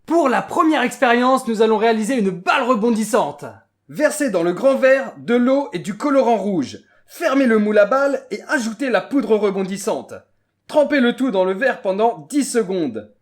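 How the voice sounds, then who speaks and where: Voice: medium pitch, lively intonation, moderate pace, lightly acted. Un interprète qui prête sa voix à une joyeuse mascotte de laboratoire non humaine, à l'français, qui présente un jouet scientifique avec entrain. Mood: explaining. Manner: bubbly, exclamatory, instructional. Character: cheerful nonhuman lab mascot calling viewers humans. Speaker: toy demonstrator. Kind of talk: scripted toy presentation.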